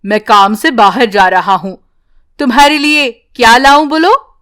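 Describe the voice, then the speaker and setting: A woman voicing a caring father in an animated storybook, speaking slowly and gently. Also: on the high side. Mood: tender. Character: fond father leaving for work.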